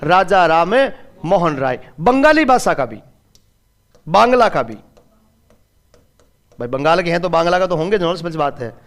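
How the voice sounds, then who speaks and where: A man teaches an exam-prep class in a chatty way, posing questions to his students and then answering them himself while slipping in regional dialect phrases. His voice is fairly high with lively intonation, at a normal speed, and he pauses often.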